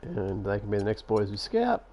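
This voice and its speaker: A man's voice: lowish voice, big pitch swings, moderate pace, darkish tone. A man giving casual, sarcastic commentary while playing a basketball management game. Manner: chatty, sarcastic, grumbles at the game. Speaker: gaming YouTuber.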